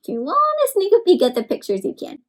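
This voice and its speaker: Speaking quickly with an extremely high voice whose pitch swoops wildly, a woman leads an interactive read-aloud for kids. Her style is expressive and instructive, with many questions directed at the young audience.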